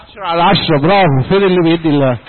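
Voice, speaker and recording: A man's voice: on the high side, very fast. A man in his sixties with an Egyptian accent, lecturing young people at church, repeating key points and quizzing his listeners. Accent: Egyptian Arabic. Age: 60s. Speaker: church youth speaker. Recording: tinny phone-like audio in a reverberant hall.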